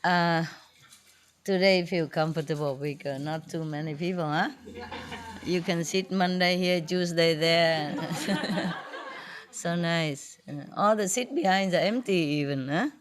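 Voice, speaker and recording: Slow, playful woman spiritual teacher. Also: on the low side. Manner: playful, laughs often, broken English. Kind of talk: casual talk with a gathering.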